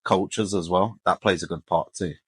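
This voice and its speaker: A man's voice: low voice, steady tone, normal speed, husky, no echo. A man, talking casually and colloquially as a podcast co-host, giving his opinions.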